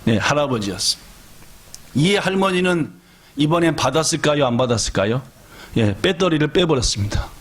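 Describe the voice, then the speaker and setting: A man's voice: on the high side, expressive, brisk. A man, a pastor, telling a story in a sermon and asking the audience questions as he goes.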